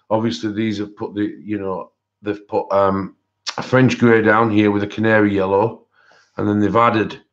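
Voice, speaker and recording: Low-voiced man with weak R's, dull recording. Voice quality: cannot pronounce his R's properly, says w for r. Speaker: host of an art livestream. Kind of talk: casual live-stream chat, showing colouring books. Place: indoors at a desk, overhead camera on hands. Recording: dull, lo-fi sound.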